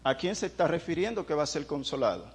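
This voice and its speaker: A male preacher delivers an impassioned sermon, swelling into loud prayers and throwing rhetorical questions at the congregation. His voice is a little high and fast, with big swings in pitch.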